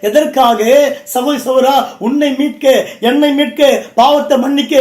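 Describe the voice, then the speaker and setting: A man's voice: very high voice, darkish tone, echoey room. A man, a bishop, preaching a Pentecostal sermon in a church. He speaks emphatically in short repeated phrases and calls out directly to his listeners.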